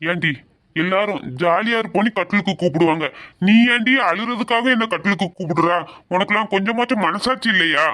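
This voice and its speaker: A man's voice: sits high, a little fast, pushed and bright. A man playing a sleepy, exasperated husband in a comic couple sketch. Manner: grumbling, exasperated. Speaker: sleepy husband in a comedy skit.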